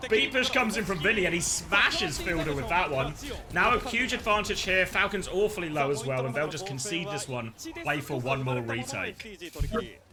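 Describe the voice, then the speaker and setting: A man's voice: fairly high pitch, animated, normal speed, over a noisy crowd. A man commentating live on an esports match as a caster, in an informal style.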